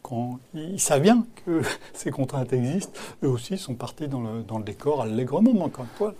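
A man's voice: medium pitch, animated, a little fast, dark tone, a little hiss or hum. French man explaining economics, grows emphatic. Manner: hesitant, then emphatic when arguing. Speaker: economics columnist. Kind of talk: radio interview.

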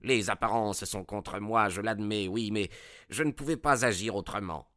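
A hulking, hot-tempered baronet barks his lines in a gruff, blustering way, as a man reading the tale voices him. The voice stays low and the sound is dry and close. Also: normal speed, pushed and bright, dry recording. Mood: defensive. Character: big fierce mustached baronet, blustering.

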